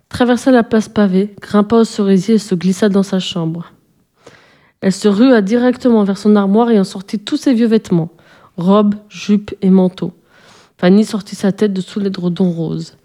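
Female storybook narrator, mellow warm tone, gentle and expressive. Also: medium pitch, normal speed. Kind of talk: storybook reading.

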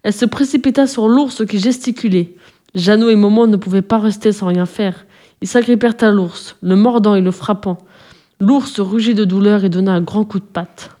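A woman narrates a children's story in a calm, even way. Her voice is mellow and warm, with a middle pitch. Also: moderate pace.

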